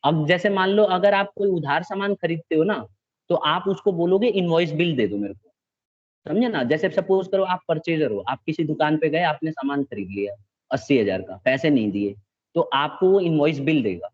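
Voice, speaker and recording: A male teacher lecturing a class with a patient, step-by-step delivery, often stopping to make sure the students follow. His voice sits a little high for a man. The recording sounds dull and lo-fi. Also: lively intonation, moderate pace. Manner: patient, checks understanding often, mixes in English terms.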